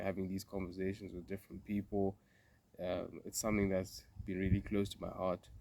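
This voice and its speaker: Sitting outdoors in a garden, a young male vlogger with a cold talks in a low, congested voice. His casual vlog is relaxed and reflective, thoughtful and meandering, with frequent fillers and restarts.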